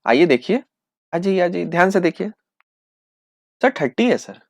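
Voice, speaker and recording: A man teaching accountancy in with terms, asking questions and answering them himself, slowing right down to dictate entries. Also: high voice, creaky, no echo. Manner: lively, asks and answers his own questions, slows to dictate entries. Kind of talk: classroom lecture acting out students' replies.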